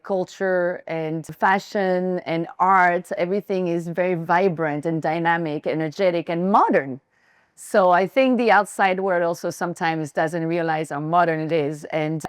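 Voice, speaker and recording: A woman with a French accent, founder of a fashion brand, giving a chatty, slightly halting welcome speech to guests at her shop event. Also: fairly low pitch, dry recording, studio quality. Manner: chatty, self-deprecating, searching for words. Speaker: brand founder hosting a styling session.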